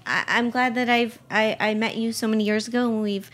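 A woman's voice: on the high side, steady tone, brisk, fairly bright tone. A woman hosting a food radio show, chatting casually with her guest and restarting her sentences often. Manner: chatty with frequent restarts and laughs. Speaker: podcast host. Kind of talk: casual radio interview chat.

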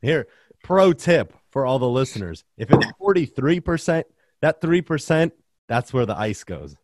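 A man hosting a casual podcast, joking and animated as he talks over a video call. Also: mid-range voice, normal speed, dry recording, studio quality. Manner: animated, joking, sings the intro. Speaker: podcast host.

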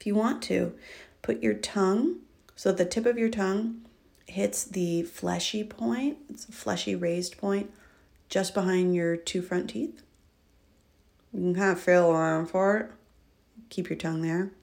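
A woman leading a guided breathing and relaxation exercise, giving gentle instructions with candid, informal asides. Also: medium pitch, fairly even intonation, a little slow, creaky, pauses often.

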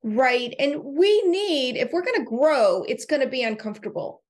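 A woman co-hosting a podcast in casual chat, telling stories with animated delivery and frequent laughter. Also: high-pitched, moderate pace. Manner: storytelling, animated, laughs often. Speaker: podcast co-host and coach.

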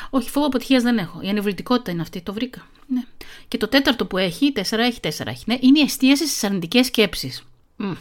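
A middle-aged woman who talks very fast, chatting casually and reading an article aloud, self-mocking and quick to laugh. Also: a little high, lively intonation. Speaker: podcast host.

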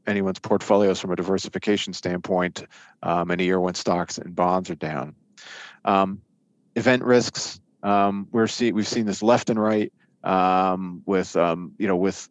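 Low-pitched man, halting markets expert. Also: no room sound. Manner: halting, repeats and restarts words mid-thought. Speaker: financial markets editor, interview guest. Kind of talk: conversational expert analysis.

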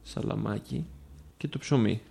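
A man's voice: lowish voice, vocal fry, dark tone, slightly rough. A man playing a mystery game as a guest, thinking aloud and asking curious questions about the room. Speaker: player guest.

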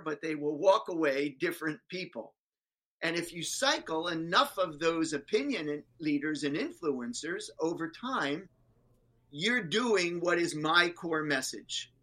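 An older guest in their seventies with a bright, forceful voice. They talk like a practised public speaker, slowing down on key words and then swelling in volume to make a point. The delivery stays animated and emphatic. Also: mid-range voice, low-quality recording. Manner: emphatic, speechmaker's rhythm with sudden loud rises and slow stresses. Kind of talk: animated interview storytelling.

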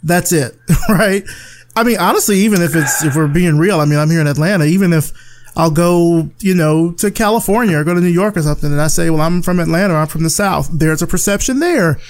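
Male podcast guest from rural Alabama, frank and reflective, higher voice. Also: fast talker, slight background noise. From rural Alabama, USA. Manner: candid, thoughtful, frequent restarts. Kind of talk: casual conversation.

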